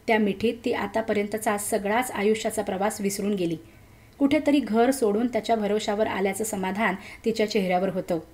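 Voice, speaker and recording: A woman reading a story aloud as its narrator, in a gentle, emotive way. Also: medium pitch.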